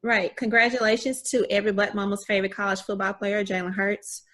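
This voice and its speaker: A woman's voice: medium pitch, level tone, fast, a bit bright. A woman co-hosting a casual sports podcast, upbeat and playful, with frequent fillers and laughs. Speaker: podcast co-host.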